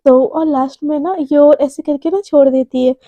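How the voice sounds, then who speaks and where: A woman's voice: high voice, steady tone, moderate pace, dry recording, narrow, tinny audio. A woman telling a romance story in a chatty, casual way. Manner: chatty, full of fillers and restarts.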